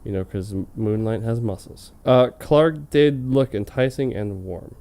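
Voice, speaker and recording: Reading fan fiction for a comedy web show, a man lays on the mock drama in a lowish, measured voice. He sounds relaxed and soft-edged, smooth and clear, and breaks off now and then for amused, offhand commentary.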